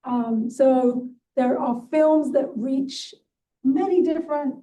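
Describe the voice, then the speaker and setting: A woman's voice: high-pitched, slow, warm tone, distant mic, a little hiss or hum, low-quality recording. A woman leading a movement workshop, coaching with encouraging asides and frequent "right?". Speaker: workshop leader and guest speaker. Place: event hall.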